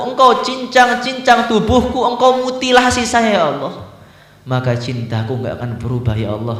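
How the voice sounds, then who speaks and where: A man's voice: sits high, fairly bright tone, echoey room, pitched above the performer's own voice. A man voicing a devout former king, now an older ascetic, who cries out fervently in prayer and chants verse.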